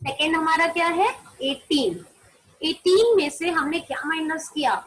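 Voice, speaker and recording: High-voiced teacher woman, online maths class. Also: a little slow, fairly bright tone, low-quality recording. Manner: mixes Hindi and English, asks pupils questions and answers them herself; calls pupils by name to turn on their cameras. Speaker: primary school maths teacher. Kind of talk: online class on a video call.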